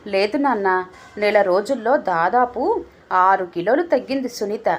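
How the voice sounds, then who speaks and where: A woman voicing a patient grown son who pleads calmly with his father in a storybook reading. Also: medium pitch, a little slow. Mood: earnest pleading. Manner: earnest, pleading.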